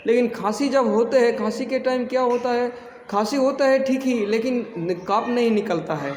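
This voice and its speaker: A man teaching yoga in a casual, halting way, with many restarts and some throat clearing. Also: very high-pitched, darkish tone, echoey room, big-room sound, slight background noise. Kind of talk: casual spoken instruction.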